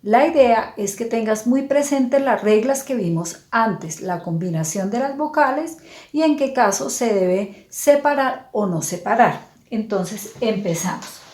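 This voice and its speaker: A woman teacher explaining grammar slowly and patiently, spelling out words syllable by syllable. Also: fairly high pitch, lively intonation, a little mellow, roomy sound. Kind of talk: slow, clear classroom explanation.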